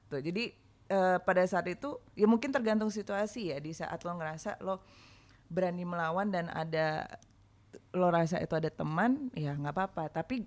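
Low-voiced woman, casual podcast chat, slangy, lots of fillers. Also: moderate pace, darkish tone. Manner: candid storytelling, slangy, frequent fillers. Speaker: performer.

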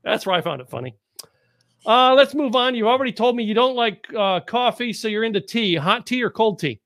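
A podcast host from the Dallas area interviews a guest, speaking briskly and expressively in a high, somewhat bright voice. He chats casually, rambling through stories with restarts and chuckles.

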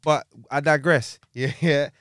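A young London man with a fairly high voice, recorded dry and close. He chats casually in thick slang as a podcast host, repeating himself for emphasis and spinning stories. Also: fairly even intonation, measured pace, fairly bright tone, smooth, no echo. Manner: repeats words, emphatic storyteller. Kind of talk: casual banter, slangy chat.

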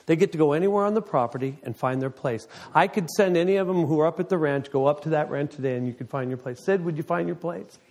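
Sharing an emotional testimony with his congregation, a man in his fifties who serves as its ministry leader speaks with lively animation. His voice climbs sharply whenever he gets excited.

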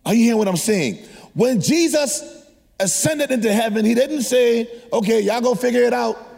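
High-voiced man preaching in a reverberant hall. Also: normal speed, vocal fry, a little mellow. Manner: exhortative, conversational, prompts listeners with questions and call-and-response. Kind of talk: energetic sermon to a congregation. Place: large hall, preaching to a live congregation.

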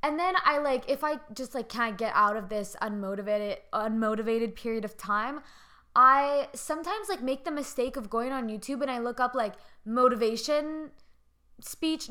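A woman's voice: a little high, sharp tone. Chatty woman rambling on her podcast. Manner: rambling, filler-heavy, lots of "like". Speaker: podcast host. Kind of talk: casual solo podcast chat. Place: home with family nearby.

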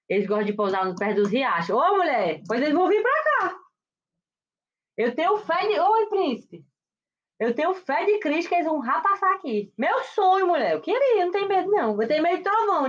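A woman's voice: high-pitched, muffled recording. A woman hosting a casual gossip chat, chatty and dramatic, with exclamatory asides. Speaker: gossip show host.

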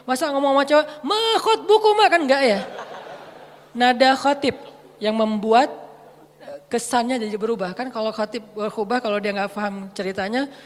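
A woman's voice: on the high side, fairly even intonation, normal speed, long pauses, long reverb tail. A woman preacher, telling a story playfully and acting out the dialogue with jokes. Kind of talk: storytelling sermon.

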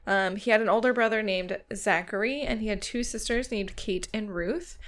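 A woman's voice: medium pitch, normal speed, fairly bright tone. A woman co-hosting a podcast, telling a true crime story in a loose, chatty way with lots of "like" and casual swearing. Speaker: podcast co-host.

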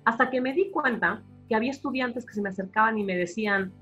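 A Mexican woman with a Mexican accent, an academic guest explaining her views in a lively conversational interview. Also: a little high, fast talker, husky, dull audio, faint music behind. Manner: animated explainer, acting out quoted voices.

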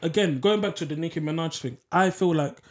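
A man's voice: on the high side, brisk. A young man with an urban London roadman accent, chatting casually and giving advice in an emphatic, repetitive, slangy way.

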